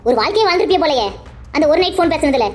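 A woman's voice: high-pitched, lively intonation, very fast, faint music behind. A woman voicing a young woman in a cartoon who teases and confronts her friend with probing questions. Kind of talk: cartoon voice acting.

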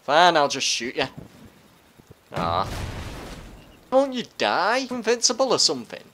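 A man's voice: a little high, huge pitch swings, a little slow, a bit bright, a little hiss or hum. A man chatting over in-game voice while playing a shooter, joking, trash-talking and breaking into silly singing. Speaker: gamer doing in-game voice chat. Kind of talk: casual game chat.

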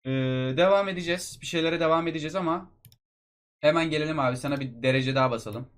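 A young man rattles off excitable commentary as he plays a mobile football game, addressing his viewers like old friends. His delivery is rapid and restless, and his voice sits a little high.

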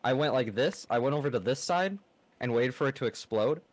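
A man of middle pitch streams a game with friends. He jokes and swears easily and talks through each of his own blunders. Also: lively intonation, brisk. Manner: joking, swearing, narrates his own mishaps. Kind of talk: casual game chat.

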